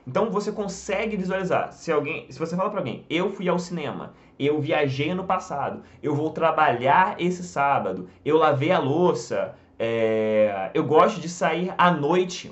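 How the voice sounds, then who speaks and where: Lively Brazilian man teaching. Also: a little high, moderate pace, dull audio. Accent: Brazilian Portuguese. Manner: talks while drawing on a board, many fillers like "tá?" and "ó". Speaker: English teacher. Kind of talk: casual online lesson.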